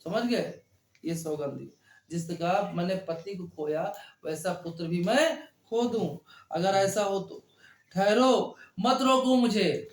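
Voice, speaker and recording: A man's voice: sits high, echoey room. A male teacher explaining a poem line by line, repeating phrases and quizzing the class. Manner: slow and repetitive, quizzing the class. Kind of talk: line-by-line Hindi poetry lesson.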